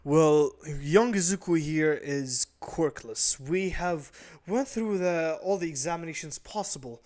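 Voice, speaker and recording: A man voicing a doctor who explains test results in a halting, matter-of-fact way. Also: a little high, darkish tone, natural voice.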